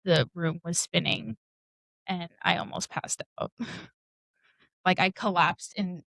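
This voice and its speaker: A woman's voice: lowish voice, fairly even intonation, slow pace, creaky, fairly bright tone, no room sound, rough recording. A woman co-hosting a podcast, telling a personal story in a candid, blunt way, swearing and laughing often. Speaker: podcast co-host. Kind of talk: casual storytelling.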